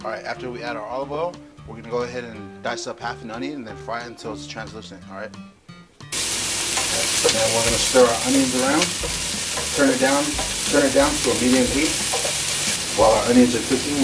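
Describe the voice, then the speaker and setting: A man's voice: mid-range voice, far from the mic, very noisy. A man casually walking viewers through a home cooking tutorial in his kitchen, chatty and easygoing as he cooks. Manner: relaxed, chatty, talks while cooking. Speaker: cooking vlogger.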